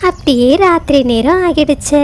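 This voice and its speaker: A woman narrating a children's cartoon fable in a steady storytelling way. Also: sits high, moderate pace.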